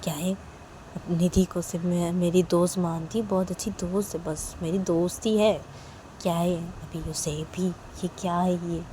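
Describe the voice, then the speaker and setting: Lady doing a gentle young woman in a love story, dark mellow tone, keeps asking soft little questions. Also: on the low side, flat delivery, normal speed, a little hiss or hum, close to an everyday voice. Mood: reassuring. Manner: soothing, repeating little questions. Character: tender young woman reassuring her lover.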